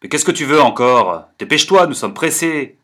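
A man voicing an irritable young man who scolds loudly and impatiently in a storybook reading. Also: fairly high pitch, lively intonation, moderate pace, voice pushed up. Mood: exasperated. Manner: angry, scolding, loud.

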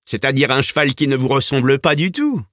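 A man's voice: medium pitch, lively intonation, brisk, a bit bright, no echo, clean studio sound, pitched above the performer's own voice, lightly acted. A man voicing a cheerful coachman who jokes and teases as he talks. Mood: jovial. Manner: jovial and teasing. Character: cheerful, joking adult male coachman.

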